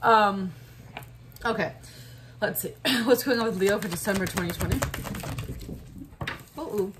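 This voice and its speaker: A woman talks through a tarot spread in a casual, chatty way. She thinks aloud, fills pauses with little asides and slips in small laughs. Her voice sits at a middle pitch over a faint background hiss. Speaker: tarot reader.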